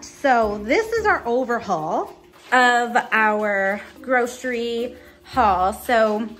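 A woman's voice: mid-range voice, fairly bright tone. Chatty woman vlogging to her phone. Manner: chatty, with many ums and likes. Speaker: budgeting vlogger. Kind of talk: casual vlog chat to camera. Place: small room at home, indoors. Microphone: phone camera held at arm's length.

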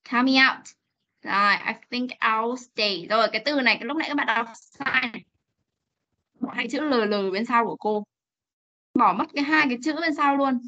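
A young woman with a Vietnamese accent teaches English pronunciation in an online class, coaxing and drilling. Her voice is bright and fairly high. It comes through as dull, lo-fi video call audio.

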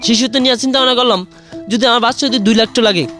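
Faint music plays behind a young radio caller from Bangladesh whose very high, pushed, bright voice moves very fast. He rambles emotionally through a personal confession, repeatedly calling the host "brother".

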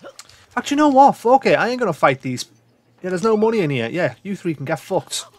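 A man's voice: high-pitched, very animated, a little fast. A man hosting a let's-play, chatting casually and swearing freely as he plays. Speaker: gaming channel host.

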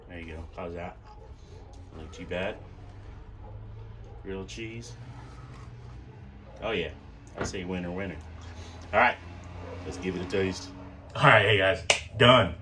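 A man with a fairly low voice talks casually through his cooking vlog, upbeat and fond of repeating words for emphasis. He is recorded at an outdoor grill. Food sizzles clearly behind him. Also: measured pace, pauses often, background noise. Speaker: cooking channel host.

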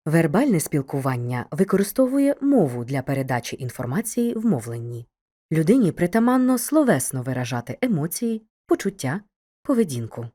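Low, lively-voiced woman narrating a lesson. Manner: clear, measured delivery addressing a student. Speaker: teacher narrating a video lesson. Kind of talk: scripted educational narration.

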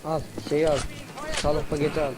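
A young man giving casual, loud, cursing commentary as he plays a shooter game, shouting at enemies. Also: a little high, monotone, normal speed, very noisy. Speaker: gaming video creator. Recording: loud game gunfire behind the voice.

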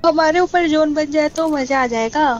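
High-pitched chatty young woman gamer. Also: lo-fi sound. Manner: chatty, teasing, quick reassuring. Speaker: teammate. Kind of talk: casual game chat.

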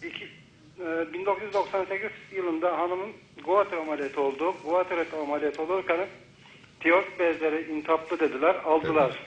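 A man's voice: fairly high pitch, steady tone, moderate pace, a little hiss or hum. A man phoning in to a TV health show over a landline phone, politely asking a doctor a question and plainly retelling what another doctor told him. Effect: heard over a landline phone. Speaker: caller. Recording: dull lo-fi phone line.

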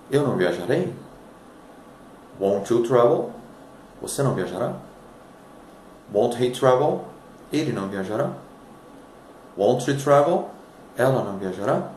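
A man, a native Portuguese speaker, teaching English in a scripted lesson, reading example sentences slowly and dropping his voice on the translations. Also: a little mellow, roomy sound, a little hiss or hum, low-quality recording. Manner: slow deliberate reading of example sentences, drops pitch on translations.

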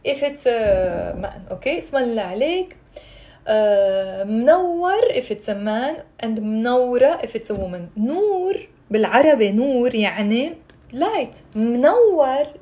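A woman in her thirties with a Lebanese accent teaches a language informally on a live stream, encouraging and animated, repeating words carefully for her viewers. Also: fairly high pitch, normal speed. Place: small indoor room at home. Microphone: phone at arm's length.

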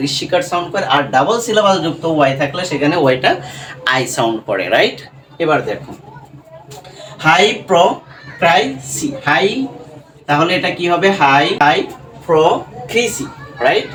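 A man teaching English pronunciation, patiently breaking words apart slowly and asking his students questions. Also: on the high side, a bit bright, slight background noise. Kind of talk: classroom lesson explaining English pronunciation. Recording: echoey room, voice from far off.

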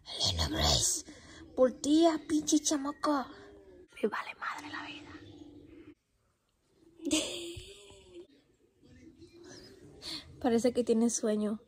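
Breathless pregnant woman with a high, joking voice. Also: darkish tone, a little hiss or hum. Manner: joking, switches between Spanish and English. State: heavily pregnant, short of breath. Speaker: vlogger. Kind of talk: casual vlog chat.

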